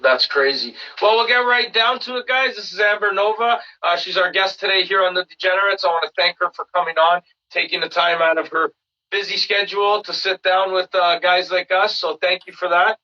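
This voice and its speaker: A friendly man from Canada hosts a casual remote podcast, rambling through his questions with plenty of fillers. His voice is bright and fairly high. The sound is dull and muffled, heard from a distance over a video call. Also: brisk. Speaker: podcast host.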